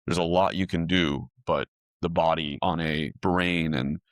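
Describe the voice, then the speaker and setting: A man's voice: sits low, fairly even intonation, unhurried, dry recording, clean studio sound. A man co-hosting a conversational podcast, talking through his points step by step with plenty of fillers. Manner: talks through points in numbered steps, many fillers. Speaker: podcast co-host.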